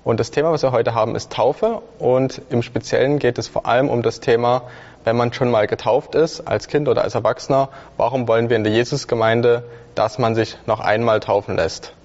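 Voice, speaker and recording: A male host with a mid-range voice opens the show in a friendly, measured way. His voice carries a long reverb and sounds slightly dull. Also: mid-range voice, fairly even intonation, darkish tone. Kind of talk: podcast hosting.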